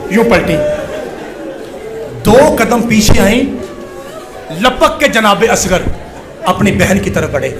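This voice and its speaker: A man's voice: sits high, expressive, long pauses, noisy background. A man preaching a mourning sermon to a congregation, impassioned and rising into wailing lament. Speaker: Shia majlis orator. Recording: echoey hall with crowd. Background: crowd weeping.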